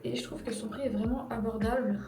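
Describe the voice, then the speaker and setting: 30s woman chatting through her skincare routine, pretty monotone, lots of ums, echoey room, mic a bit far, music playing. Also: a little high, quick pace. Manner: hesitant, many fillers, searches for words. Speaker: beauty vlogger. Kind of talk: casual skincare tutorial.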